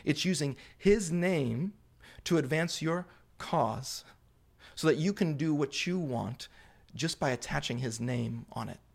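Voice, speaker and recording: A man preaching a sermon to a congregation, explaining scripture in deliberate, emphatic phrases with pauses, repetition and rhetorical questions. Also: on the high side, vocal fry. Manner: rhetorical questions put to listeners. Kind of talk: sermon, Bible exposition to a congregation.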